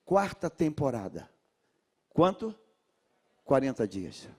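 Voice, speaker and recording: A man from Brazil with a Rio de Janeiro accent preaching a sermon in a large church, calling on the congregation to repeat his words and swinging from hushed lines to shouts. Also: mid-range voice, very animated, takes it slowly, slightly rough. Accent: Rio de Janeiro Brazilian Portuguese. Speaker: pastor.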